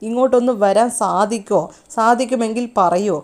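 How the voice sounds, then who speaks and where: A woman's voice: fairly high pitch, moderate pace, a little mellow, close to an everyday voice. A grieving middle-aged mother pleads and accuses in a raised, tearful voice, as a woman narrator reads her lines. The reading stays close to an everyday voice, more recited than performed. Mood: pleading, accusing.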